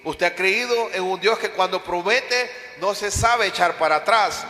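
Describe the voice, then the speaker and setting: A man's voice: high voice, unhurried, bright, forceful tone. A male pastor from Honduras preaching a sermon, driving points home with repeated phrases and direct questions to the congregation. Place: church hall. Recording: echoey church hall.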